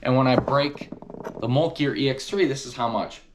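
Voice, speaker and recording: A man's voice: mid-range voice, moderate pace, noisy background. Casual man giving an enthusiastic gear review. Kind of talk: casual product review to camera.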